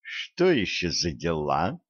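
A man voicing a bossy young woman, a witch's granddaughter, in a storybook reading with brisk, commanding talk over dull lo-fi audio. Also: medium pitch, no room sound, close to an everyday voice.

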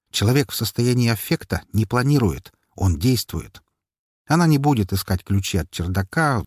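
A man narrating a first-person audiobook in an expressive, tense storytelling manner. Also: lowish voice, slightly rough, no room sound, studio quality.

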